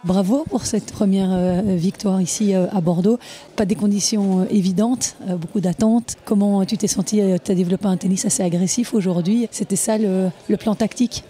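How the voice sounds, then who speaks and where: Mellow-voiced podcast interviewer. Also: medium pitch, fairly even intonation, normal speed, soft background music. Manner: friendly, hesitant with fillers. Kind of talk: interview questions.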